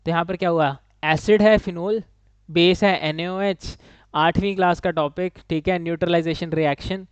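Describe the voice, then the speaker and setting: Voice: medium pitch, fairly even intonation, normal speed, clear, resonant tone, no room sound. Chemistry teacher, exam-prep lecture, self-answered questions, dull muffled sound, dry close recording. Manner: asks students questions and answers them itself, ends nearly every line with "ठीक है?"; mixes English phrases into Hindi.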